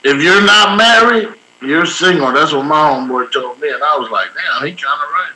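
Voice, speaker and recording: Opinionated high-voiced co-host man. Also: moderate pace, crowd noise, low-quality recording. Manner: opinionated, crude and joking. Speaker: podcast co-host. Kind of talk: casual chat.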